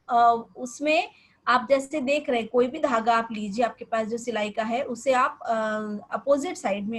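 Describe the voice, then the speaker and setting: Lady teacher w hindi accent going over garment terms, kinda high voice, keeps asking the class stuff. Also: rough recording. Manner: explains step by step, often asks the class questions.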